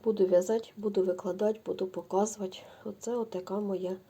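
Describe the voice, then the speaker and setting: Chatty gravelly-voiced woman vlogging yarn. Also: medium pitch, steady tone, quick pace, warm tone. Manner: chatty, effusive, addresses viewers as girls. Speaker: knitting vlogger. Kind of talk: casual show-and-tell chat.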